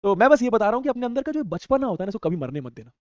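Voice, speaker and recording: A man's voice: sits high, big pitch swings, rapid-fire, no room sound. A young man teaching an online class, chatting casually and teasing as he reads out viewer comments in a playful, slangy way. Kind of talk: casual live chat reading viewer comments. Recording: dull, dry sound.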